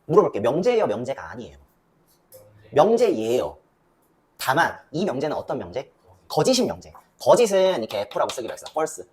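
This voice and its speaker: A woman's voice: a bass voice, moderate pace. Young woman math teacher, rising and falling voice, quizzes and answers herself. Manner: lively, asks and answers her own questions. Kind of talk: classroom lecture.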